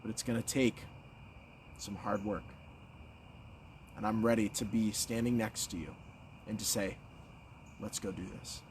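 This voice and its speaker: Young american guy doing a folksy stump speech, earnest, pauses between short phrases, faint crickets and outdoor noise behind him. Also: on the low side, fairly even intonation, a little mellow. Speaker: political candidate.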